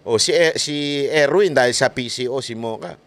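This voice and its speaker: A man from the Philippines giving animated political commentary as a vlogger, mocking his critics and laughing often. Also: mid-range voice, moderate pace.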